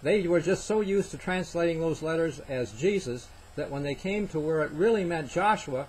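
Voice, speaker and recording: An older man giving an informal Bible study talk, halting with many fillers and stopping to ask "okay?". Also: a little high, a little mellow, a little hiss or hum, poor audio. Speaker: Bible prophecy teacher.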